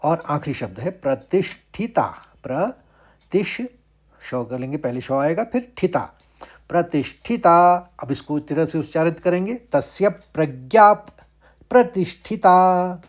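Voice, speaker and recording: A man teaching Sanskrit verse recitation, chanting each line slowly and higher before explaining it word by word. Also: animated, darkish tone. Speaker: Gita teacher. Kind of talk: slow Sanskrit recitation lesson.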